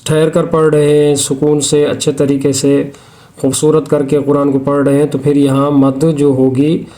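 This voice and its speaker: A man teaching tajweed in a methodical, repetitive way, breaking into slow, drawn-out Quran recitation between explanations. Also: on the high side, monotone, warm tone. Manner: methodical, repeats rules step by step. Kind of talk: Hindi-Urdu lesson on tajweed, with recitation.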